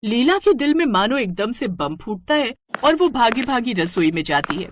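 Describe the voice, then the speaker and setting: A woman's voice: a little high, normal speed. Woman narrating a cartoon story. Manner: steady storytelling.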